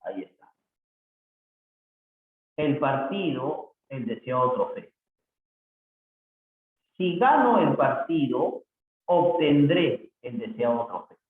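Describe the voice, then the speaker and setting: Slow, patient male teacher over a tinny line. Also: medium pitch, big pitch swings. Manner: reads exercise sentences aloud, then repeats them corrected; checks in with the listener with tag questions. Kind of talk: recorded grammar lesson. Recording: tinny phone-like, very echoey, faint hiss.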